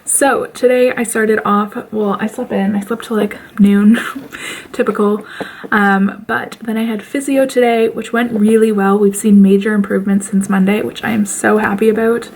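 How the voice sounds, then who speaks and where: Chatty young woman with gravelly fry. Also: medium pitch, flat delivery, moderate pace, darkish tone, a little hiss or hum. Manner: chatty, frequent "like" fillers, laughs often. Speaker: vlogger. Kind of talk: casual vlog chat. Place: at home in her bedroom.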